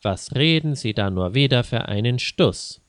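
A man voicing a calm, reasonable young woman who admonishes the others in a read-aloud story. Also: medium pitch, a little slow, no echo, clean studio sound, lightly acted. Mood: firm.

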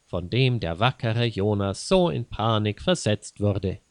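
A man's voice: on the low side, animated, measured pace, no echo. A man voicing a sarcastic, mocking grown man who taunts a frightened companion in a read-aloud story. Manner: sarcastic, sneering.

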